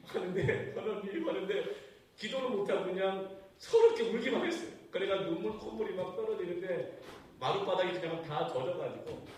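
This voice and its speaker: A man preaching a sermon as pastor, telling a personal story with sudden swings between loud outbursts and hushed asides. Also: high voice. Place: church sanctuary. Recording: echoey church hall, voice from far off.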